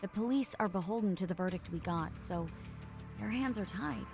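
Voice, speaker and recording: An actress playing a businesslike informant explaining a case in a game dub. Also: female voice, mid-range voice, normal speed, vocal fry, music in the background, natural voice. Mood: matter-of-fact.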